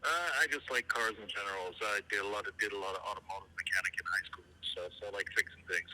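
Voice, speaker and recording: A laid-back man answers a call, his voice coming through a tinny phone line. His tone is very bright and sharp, and his voice sits a little low. He talks in a casual, guarded, joking way. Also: little pitch movement, racing, slight background noise. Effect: heard over a phone line. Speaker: sweepstakes winner on a phone call.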